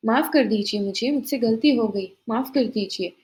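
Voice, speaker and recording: A woman's voice: on the high side, normal speed, darkish tone, close to an everyday voice. A woman voicing a greedy, scheming young daughter-in-law who talks sweetly while shifting blame. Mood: pleading.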